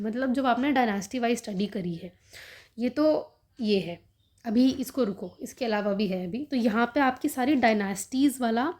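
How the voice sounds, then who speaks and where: Young woman tutor rattling off study tips fast, kinda high voice but soft and mellow. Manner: fast, chatty, frequent "theek hai" fillers. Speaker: exam prep teacher. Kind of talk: casual study-guidance talk, Hindi-English mix.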